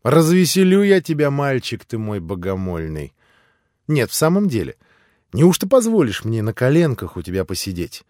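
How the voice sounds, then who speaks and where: A lively, capricious young woman, playful and teasing one moment and fiery the next, as a male audiobook reader puts her on. Her voice rises and falls freely, and the reading sounds close and dry. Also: mid-range voice, moderate pace, no echo, natural voice. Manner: playful, teasing, then vehement.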